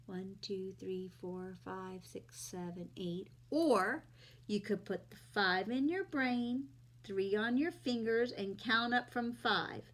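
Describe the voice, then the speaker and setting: Female children's teacher in kids' show host mode. Unhurried delivery, mid-range voice, simple step-by-step phrasing. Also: medium pitch, a bit bright. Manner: simple, step-by-step explaining with questions to young listeners.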